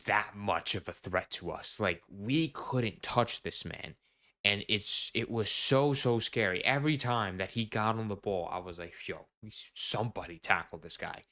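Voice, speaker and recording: A young man talks over a soccer game as an excited fan, starting sentences again and dropping in fillers as he goes. His voice sits a little low and sounds smooth and resonant. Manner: rambling with many fillers and restarts; enthusiastic fan talk. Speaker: podcast host. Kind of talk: casual post-match soccer commentary.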